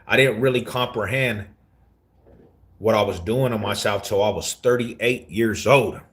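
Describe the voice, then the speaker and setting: A man's voice: fairly low pitch, a little slow, fairly bright tone, a little hiss or hum. A man in his forties telling his story on a casual live stream, slangy and repeating himself, calling the listener bro. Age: 40s.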